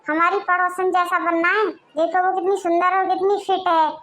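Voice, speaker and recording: A woman's voice: very high voice, level tone, moderate pace, fairly bright tone. A woman voicing a bossy husband who harshly scolds his wife. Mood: harsh scolding. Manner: scolding, commanding.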